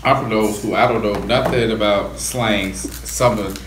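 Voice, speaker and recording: A man co-hosting a casual food vlog, talking in relaxed, slangy chat. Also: lowish voice, normal speed. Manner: laid-back, animated, colloquial slang. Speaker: YouTube vlog co-host. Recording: echoey room, faint background noise.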